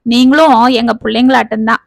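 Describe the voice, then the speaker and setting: A kindly middle-aged shopkeeper's wife, voiced by a woman telling the story, gently reassuring two young men. The voice stays high and dry, close to the mic. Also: steady tone, fairly quick, vocal fry, no echo.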